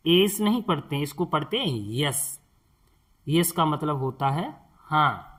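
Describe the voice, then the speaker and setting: A man's voice: on the high side, lively intonation, moderate pace, fairly bright tone, breathy edge. A man teaching beginners, spelling out words letter by letter and patiently asking the listener questions. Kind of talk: spoken English lesson for beginners.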